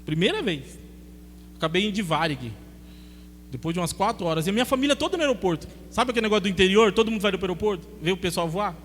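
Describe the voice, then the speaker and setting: Brazilian male pastor, high voice, animated storytelling sermon, reverberant church hall with faint hum. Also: fast. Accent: Brazilian Portuguese. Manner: chatty, animated storyteller who acts out dialogue.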